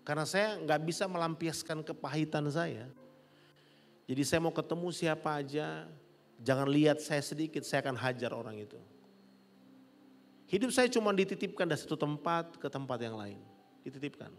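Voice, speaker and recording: A middle-aged man preaching a sermon as pastor, animated and rising to loud peaks. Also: on the high side, moderate pace, pauses often. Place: large church hall. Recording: long church hall reverb with soft music.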